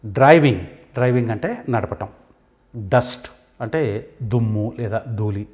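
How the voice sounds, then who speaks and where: A Telugu-accented man leads a vocabulary lesson at an even, unhurried teaching pace. He says each English word, then its meaning, and pauses before the next item. His voice sits at an ordinary middle pitch for a man.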